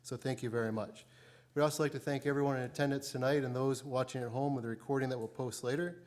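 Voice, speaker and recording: Guy moderating a school board forum, talks fast, rattles off thanks. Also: mid-range voice, fairly even intonation, darkish tone. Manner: brisk, with quick thank-yous and restarts. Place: city hall auditorium.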